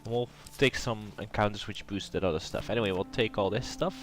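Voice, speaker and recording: A man with a lowish, nasal voice, stuffy from a cold, speaks a little fast as he hosts a casual let's play. He thinks aloud through the gameplay commentary, hesitating often.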